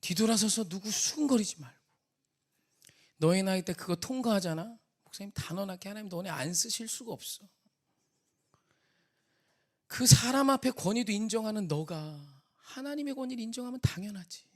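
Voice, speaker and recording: A man preaching a sermon as pastor, rising to shouts and dropping to soft near-whispers. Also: sits high, lively intonation, moderate pace, long pauses.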